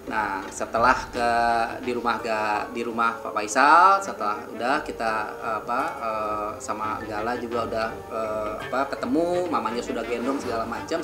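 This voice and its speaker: An older man giving an emotional interview, telling events in a halting way with many restarts, his voice climbing when he gets worked up. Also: mid-range voice. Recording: echoey room with background music.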